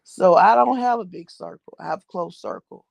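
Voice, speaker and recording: At a moderate pace, a woman with a fairly low, gravelly voice and no room sound delivers casual gossip as a vlogger covering social media personalities. The American speaker is blunt and slangy, swears a lot, and repeats phrases for emphasis.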